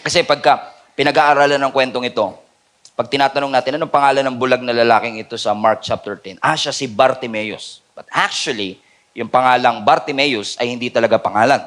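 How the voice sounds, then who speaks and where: Speaking at a medium pitch with a steady tone and a fairly quick pace, a Filipino-accented man preaches at a church's night service. He mixes Tagalog with English, and his volume swings from hushed to loud.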